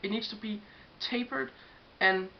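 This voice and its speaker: Speaking a little slowly in a gravelly mid-range voice, this makeup vlogger is a young woman from Denmark whose English, her second language, carries a Danish accent. Her relaxed beauty tutorial on makeup brushes is chatty and full of hesitant ums as she displays each product. Faint hiss runs under the dull, lo-fi home audio.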